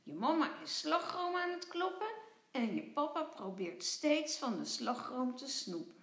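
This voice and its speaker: A squeaky, cheeky little storybook creature, bouncing from high to higher and never sitting still, as a woman reading aloud puts him on. He talks slowly and playfully, and the room around the voice is echoey. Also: very animated, full character voice. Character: small playful mischievous male creature.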